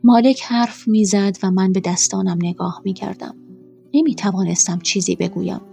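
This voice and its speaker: A woman narrating a first-person story in a quiet, measured way. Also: mid-range voice, steady tone, gravelly, soft background music.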